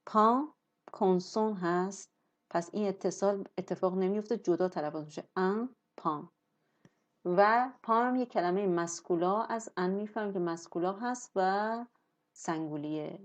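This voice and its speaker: A woman teaching French in a lesson, explaining patiently and slowing down on example words. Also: medium pitch, muffled recording. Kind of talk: language lesson.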